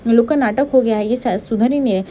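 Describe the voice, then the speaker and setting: A woman voicing a hot-tempered, blustering young husband in a quick Hindi serial retelling. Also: fairly high pitch, mellow, slight background noise, lightly acted. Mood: angry.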